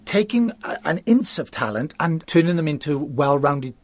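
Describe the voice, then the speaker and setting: A man's voice: fairly high pitch, lively intonation, no room sound. A man with a Welsh accent, founder of a youth theatre school, talking enthusiastically as a guest in an interview. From Wales. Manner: enthusiastic, chatty, quick bursts. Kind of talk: conversational interview.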